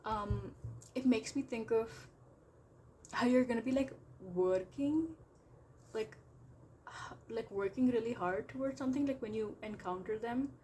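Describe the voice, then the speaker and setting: A woman's voice: on the high side, unhurried, pauses often, dark tone, a little hiss or hum. A woman giving a casual tarot reading, talking in a rambling, chatty way packed with filler words. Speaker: tarot reader.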